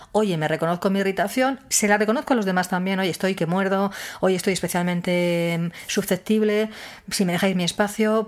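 A woman giving an explanatory talk on handling emotions, using rhetorical questions and firm emphasis. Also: on the low side. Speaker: speaker on emotional wellbeing.

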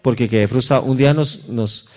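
A man's voice: medium pitch, brisk, a little mellow. A middle-aged man, a pastor preaching a sermon in a conversational, storytelling way that speaks directly to his listeners.

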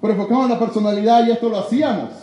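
A man preaching a sermon in a church, emphatic, swinging between loud exhortation and hushed confession. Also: sits high, very fast. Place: church sanctuary. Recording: echoey church hall.

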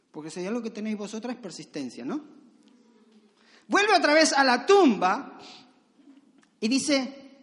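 A male pastor giving a conversational, animated sermon full of rhetorical questions. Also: extremely high pitch. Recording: long hall reverb.

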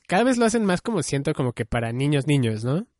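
A man's voice: a little high, sing-song, fast talker, darkish tone, dry recording, studio quality. A young man chatting casually, musing and hedging with many fillers. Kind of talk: casual chat about anime.

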